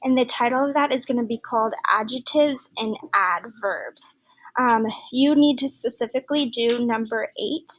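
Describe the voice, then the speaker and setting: A woman teacher giving a recorded grammar lesson, explaining patiently with soft asides and fillers. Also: fairly high pitch, normal speed, rough recording.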